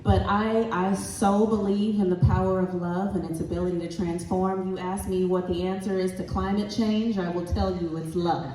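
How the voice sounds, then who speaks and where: A woman's voice: fairly low pitch, fairly even intonation, normal speed, hardly any pauses, warm tone, slight background noise. A woman speaking on a convention panel as the parent of a child who stutters, earnest and heartfelt. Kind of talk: panel discussion talk. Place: convention hall stage. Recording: echoey hall, voice far from mic.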